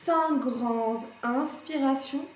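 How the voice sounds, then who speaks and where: A woman's voice: high-pitched, drawn-out words, echoey room, a little hiss or hum. A woman vlogger giving casual advice on climbing fears, often hesitant, with fillers and restarts.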